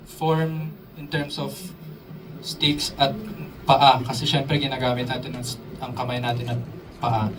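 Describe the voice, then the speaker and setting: A man's voice: mid-range voice, level tone, unhurried. Drum teacher quizzing his class. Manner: casual, asks the audience questions, code-switches with English terms. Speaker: drum instructor. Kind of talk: live drum workshop talk. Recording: voice distant from the mic, drums in the room.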